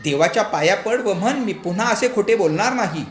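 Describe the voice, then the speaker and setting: A man's voice: high-pitched, lively intonation, brisk, pitched above the performer's own voice. A man voicing a stern but loving village mother who scolds her son, in a storybook reading. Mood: scolding. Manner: scolding, insistent. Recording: echoey room, faint background hum.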